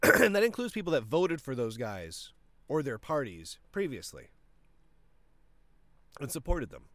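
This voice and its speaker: Animated man with a throat tickle. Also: mid-range voice, a little slow, no room sound. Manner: animated, talks with frequent restarts. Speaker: podcast host. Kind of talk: casual political commentary monologue.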